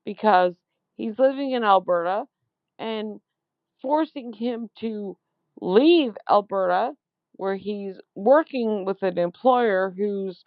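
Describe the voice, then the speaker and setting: A woman leaving a voicemail for a politician, complaining slowly and emphatically, repeating words for stress. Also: fairly high pitch, no room sound. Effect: leaving a voicemail over a phone line. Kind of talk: angry complaint message. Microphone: phone. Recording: dull lo-fi phone voicemail.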